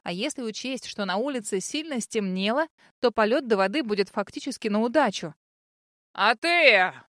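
A woman narrating a first-person fantasy audiobook in a lively, expressive manner. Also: a little high, fairly quick, no echo, studio quality.

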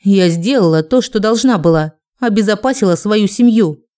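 A woman's voice: mid-range voice, animated, normal speed, warm tone, natural voice. A woman reading a jealous, scheming young wife. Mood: cold.

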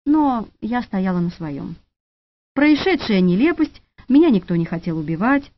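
A woman narrating an audiobook in a lively, expressive reading, in a dull, dry studio recording. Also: mid-range voice, moderate pace, no room sound.

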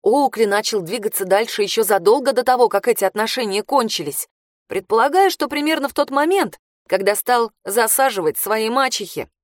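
A woman's voice: on the high side, expressive, fairly quick, no echo, studio quality. Wry woman narrating a novel. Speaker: audiobook narrator. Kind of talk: first-person novel narration.

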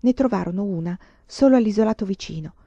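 Calm woman narrating a novel. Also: mid-range voice, quick pace, gravelly, no echo. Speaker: audiobook reader. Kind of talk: literary audiobook narration. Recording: dull lo-fi, dry.

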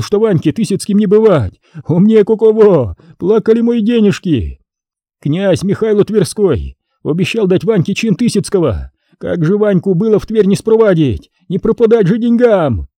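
A cowardly old merchant shrieks and begs in a high, strained wail, as a male reader puts him on. The voice is dark and husky and sits close and dry. The pitch swings widely between his cries. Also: dry recording, full character voice. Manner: wailing, pleading, high-pitched.

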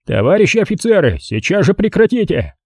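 A man's voice: fairly high pitch, big pitch swings, normal speed, warm tone, breathy edge, no room sound, clean studio sound, voice pushed up. A man voicing a strict, nervous patrol major who issues curt official commands, in an audiobook reading. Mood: stern.

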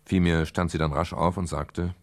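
In a German crime radio play, a man plays a weary private eye recounting his case through first-person narration and dialogue. He speaks in a low, gravelly, husky voice with fairly even intonation, wry, measured and reflective.

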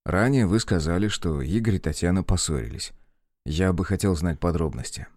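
A careful young investigator, as a deep-voiced narrator puts him on, asking questions calmly and politely in an audiobook. The voice is low and dry. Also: male voice, no echo. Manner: calm, measured, polite.

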